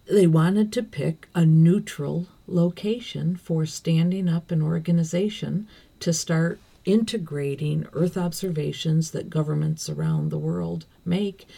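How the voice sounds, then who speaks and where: A woman from New York, a guest director, explaining her organization's history in measured, thoughtful interview talk in a radio studio. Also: sits low, creaky, dark tone, husky. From New York, USA.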